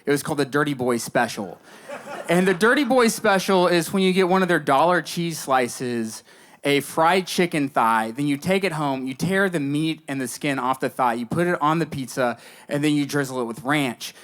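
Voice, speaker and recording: A young man performing a deadpan stand-up monologue for a live audience, telling stories with dry, mock-earnest understatement. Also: a little high, moderate pace. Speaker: stand-up comedian. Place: live comedy show before an audience. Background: audience laughter between lines.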